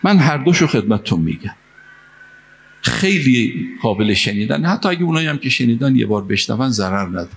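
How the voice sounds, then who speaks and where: A man's voice: mid-range voice, sing-song. A man from Mashhad delivers an impassioned sermon, weaving in a story. He recites Arabic phrases and lines of verse, and his voice climbs to emphatic peaks to drive home a point. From Mashhad, Iran. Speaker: preacher.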